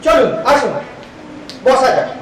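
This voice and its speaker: A man's voice: extremely high pitch, sing-song, slow, heavily acted. A young man with an Indian Bengali accent playing an eager, smitten, easily flustered suitor in a light romantic comedy drama. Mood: eager, accommodating. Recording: very echoey room, distant mic, faint noise.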